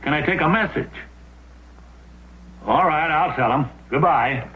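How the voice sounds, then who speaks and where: An actor playing a gruff, sarcastic older household cook in a 1960s television family sitcom, with a dry wisecracking grumble. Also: male voice, a little high, a little slow, background noise, natural voice. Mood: dry, matter-of-fact. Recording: dull old TV soundtrack, music.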